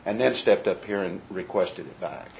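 Low-voiced man hedging at a meeting. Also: moderate pace, creaky, darkish tone, rough recording. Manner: cautious, defers to the statute. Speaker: county official at a public meeting. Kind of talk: discussion at a public meeting.

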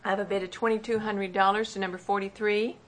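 A woman's voice: medium pitch, little pitch movement, quick pace, slight background noise. A woman auctioneer formally reading out parcel numbers and bids at a tax sale in a plain, procedural way.

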